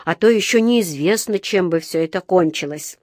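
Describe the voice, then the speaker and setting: A woman's voice: on the low side, moderate pace, no room sound, clean studio sound, natural voice. A woman playing a stern, grumbling older housekeeper who talks in a scolding way in a storybook. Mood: praising.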